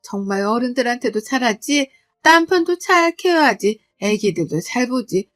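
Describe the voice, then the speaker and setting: A woman's voice: on the high side, expressive, normal speed, fairly bright tone, soft background music. A woman voicing an older in-law who effusively praises her daughter-in-law. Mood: gushing. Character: older woman, a gushing, boastful mother-in-law.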